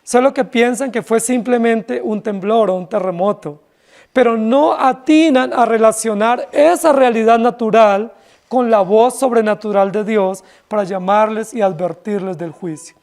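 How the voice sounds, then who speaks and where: A man's voice: high voice, unhurried, darkish tone. A man with a Colombian accent, preaching an expository sermon to his congregation in a church. He speaks emphatically and keeps checking in with his listeners through rhetorical questions. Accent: Colombian Spanish. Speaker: pastor.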